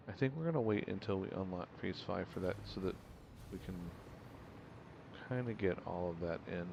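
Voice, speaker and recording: Slow gravelly-voiced man gaming. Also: low-pitched, background noise. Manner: rambling, unhurried, thinking aloud. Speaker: gaming channel host. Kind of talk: casual gameplay commentary.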